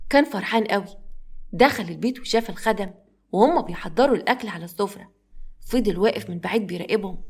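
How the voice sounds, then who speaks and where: Fast-talking Egyptian woman storyteller. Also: medium pitch, breathy edge. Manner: brisk, expressive storytelling. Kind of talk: dramatic story narration.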